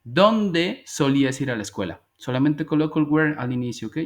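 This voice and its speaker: A man's voice: a little high, expressive, moderate pace. A man teaching an English grammar class, patiently explaining step by step and repeating each phrase before checking that students follow. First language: Spanish.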